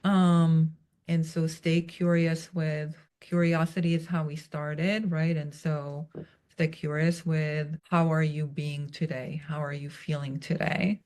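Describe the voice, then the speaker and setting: A woman's voice: sits low, flat delivery, slow, a little mellow. A woman guest on a podcast, giving advice in a reassuring way and often checking in with "right?". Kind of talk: casual advice-giving chat.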